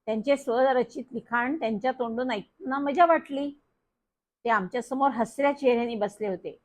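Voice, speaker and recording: A woman's voice: a little high, brisk. Woman reading a children's story aloud. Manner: lively, expressive storytelling. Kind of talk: storybook reading in first person.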